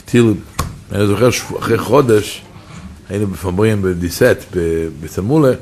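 A man's voice: fairly low pitch, darkish tone, slight background noise. A man telling a personal story in an earnest, emotive way.

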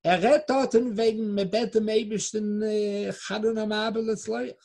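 A Torah teacher giving a religious lecture with Hebrew quotations and chanted blessings, swinging from low murmurs to loud emphatic bursts. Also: fairly even intonation, moderate pace, vocal fry.

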